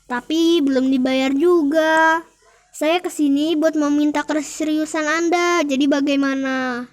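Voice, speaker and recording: A man's voice: very high voice, fairly even intonation, measured pace. Young man doing a stern landlord. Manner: formal and insistent. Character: stern male landlord demanding overdue rent.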